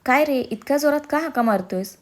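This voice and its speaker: A woman voicing a steady middle-aged father in a read-aloud story, speaking in a firm, practical way. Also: high voice, a little fast, pitched above the performer's own voice. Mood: puzzled. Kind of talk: storybook narration.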